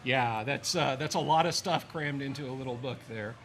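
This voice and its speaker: A man's voice: medium pitch, normal speed, over music. A man appearing as a regular podcast guest, talking casually with lots of hesitant fillers and self-deprecating jokes. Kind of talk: casual chat. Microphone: headset mic.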